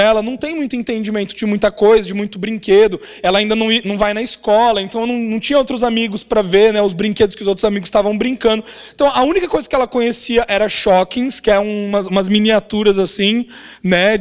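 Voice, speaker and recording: A young adult Brazilian man preaching as a pastor, telling a family story in an animated way and often ending phrases with a tag question. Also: high-pitched, quick pace, clear, resonant tone. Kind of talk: sermon storytelling. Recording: long reverb of a large hall.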